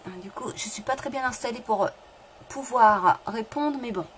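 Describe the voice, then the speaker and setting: A woman's voice: fairly high pitch, moderate pace, a bit bright, slight background noise, poor audio. A middle-aged woman running a live papercraft tutorial, chatting casually, restarting sentences and answering viewers as she shows her materials. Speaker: papercraft demonstrator. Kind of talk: live-stream craft tutorial.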